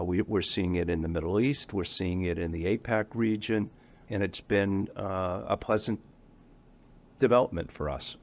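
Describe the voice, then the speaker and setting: A man's voice: sits low, creaky. A middle-aged man speaking as an interview guest in a casual, rambling way, often correcting himself and chuckling between points. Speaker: guest, association executive.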